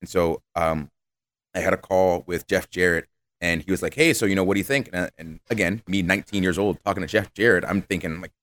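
A man's voice: low voice, a little fast, no room sound. A man, a podcast guest, telling stories in a casual interview and acting out the voices of the people he quotes. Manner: animated, acts out quoted voices.

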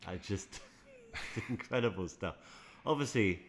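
Agreeable low-voiced podcast co-host. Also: male voice, lively intonation, unhurried, slight background noise. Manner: agreeable, chuckling, many short affirmations. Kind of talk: casual podcast chat.

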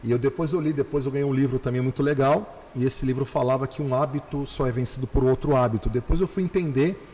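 A male pastor telling his conversion story on a podcast, animated, slowing down and repeating phrases for emphasis. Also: medium pitch, slightly rough, big-room sound. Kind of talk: podcast testimony.

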